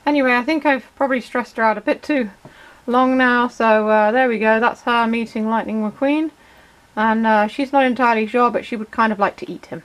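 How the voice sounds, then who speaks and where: A woman's voice: on the high side, steady tone, a little fast, rough recording. A woman, hosting a casual video and fondly chatting to her pet. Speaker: video host. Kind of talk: casual chat to camera.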